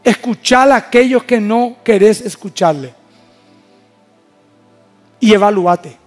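A pastor with a Paraguayan Spanish accent delivers his sermon in a notably high voice for a man. He preaches emphatically and keeps asking his congregation questions. Soft music sits faintly behind him. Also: slow. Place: church service.

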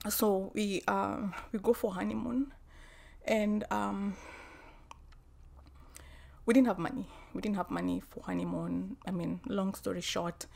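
A woman telling a personal story, halting, with many restarts and fillers, and at times dropping to a soft whisper. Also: medium pitch, lively intonation, gravelly. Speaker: vlogger.

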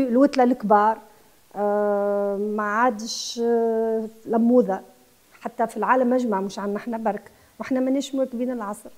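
A Tunisian woman in her sixties who runs a guesthouse speaks passionately as a guest in a TV interview. Her voice is mellow with a fairly high pitch, and she mixes French words into her speech.

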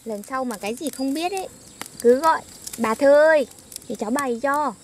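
A woman's voice: high-pitched, animated, brisk, slight background noise. A young woman, acting in a comedy sketch in a bossy, teasing manner. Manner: bossy, teasing, laughing often. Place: outdoors in a field.

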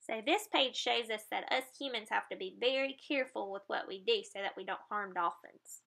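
A woman's voice: mid-range voice, moderate pace, vocal fry, a bit bright. A woman reading a children's picture book aloud, explaining the pictures and adding playful sound effects.

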